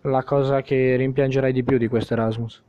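A man's voice: medium pitch, flat delivery, brisk, dark tone. A young man hosting a casual podcast interview, asking questions in an informal, teasing way. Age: young adult. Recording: dull lo-fi sound.

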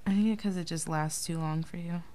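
A young woman co-hosting a podcast in casual chat, playful and teasing, quick to laugh. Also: fairly low pitch, steady tone, warm tone, no room sound. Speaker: podcast co-host.

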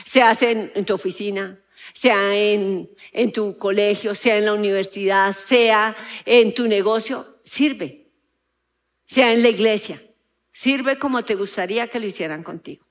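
A woman's voice: medium pitch, measured pace. A woman preaching a sermon in an auditorium, acting out quotes and asking the audience questions. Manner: animated, acts out quotes, asks the audience questions.

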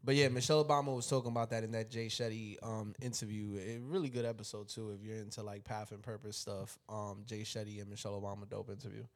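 A man's voice: lowish voice, little pitch movement, quick pace, few pauses. A man co-hosting a casual podcast chat, laid-back and slangy, swearing freely. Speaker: podcast host.

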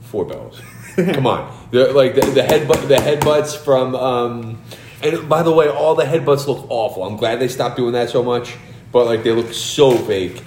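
A man from New Jersey co-hosts a casual wrestling chat, rambling, joking and quick to laugh. His voice sits at a middle pitch. The room is echoey, with a faint hum of noise behind him. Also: animated, darkish tone. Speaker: podcast co-host.

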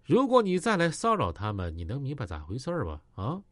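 A man voicing a cold, menacing tough man who speaks low and steady. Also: fairly quick, no room sound, clean studio sound. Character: cold tough middle-aged man, gangster ex-soldier.

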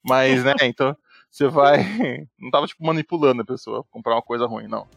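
Man, casual podcast talk, rambling with fillers, dry close sound, fast pace. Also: mid-range voice, vocal fry, no echo. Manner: rambling, peppers speech with "né" and "tipo", restarts often; animated, acts out quoted dialogue. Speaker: podcast co-host. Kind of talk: casual chat.

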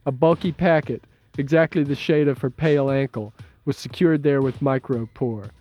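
A man narrating an audiobook in a measured, steady, low-key way. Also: faint music behind. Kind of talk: scripted narration.

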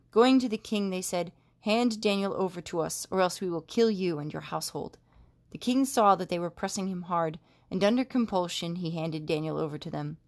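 Female scripture reader, somewhat low voice, even measured delivery. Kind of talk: reading scripture aloud.

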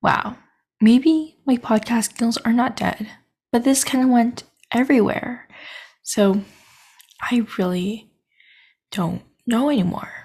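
A woman's voice: a little high, slow, long pauses, a little mellow, breathy edge. Rambling young woman podcast host. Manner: scattered, self-deprecating, giggly. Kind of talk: rambling solo podcast chat. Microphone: podcast microphone.

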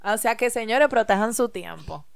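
Smooth-voiced chatty woman. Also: a little high, lively intonation, dry recording, studio quality. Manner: storytelling, quick and chatty. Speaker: podcast co-host. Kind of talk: casual chat.

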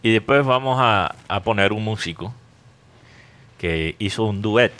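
A man's voice: on the low side, unhurried, a bit bright. A man co-hosting a talk show, chiming in with short support lines and explaining the clips they play. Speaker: co-host.

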